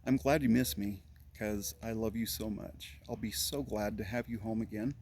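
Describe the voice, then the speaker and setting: A man's voice: on the low side, steady tone, normal speed, darkish tone, a little hiss or hum. An older man reading his parents' old letters aloud, earnestly, with amused comments in between. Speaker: family letter reader.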